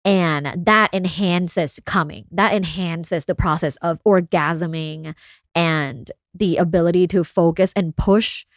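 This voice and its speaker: A woman's voice: fairly low pitch, steady tone, slow pace, dry recording, studio quality. A woman from Thailand, a sex researcher, talking openly and casually as a podcast guest, often laughing. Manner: frank and open, laughs often. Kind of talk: casual interview chat.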